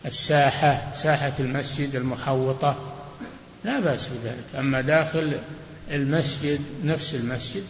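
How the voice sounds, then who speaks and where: A man acting as a sheikh, answering religious questions with short, firm rulings in a question-and-answer lecture. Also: mid-range voice. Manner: short, firm rulings, often closing with "na'am". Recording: roomy, dull old hall recording with faint hiss.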